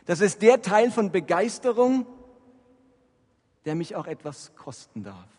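A man giving an animated, emphatic sermon as pastor. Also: high voice, measured pace, big-room sound. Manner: animated, emphatic preaching with frequent rises in loudness.

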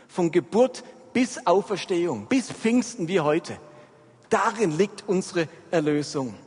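A man's voice: high-pitched, a little mellow, breathy edge. A man preaching a sermon and often asking his listeners whether they are following. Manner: addresses the congregation with frequent check-in questions. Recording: long hall reverb.

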